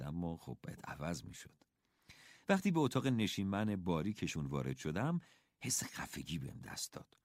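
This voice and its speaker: A man reads a first-person story aloud as an audiobook narrator. His voice sits fairly low but moves a great deal in pitch as he tells it. The recording is dry, with no room sound. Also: darkish tone, no room sound.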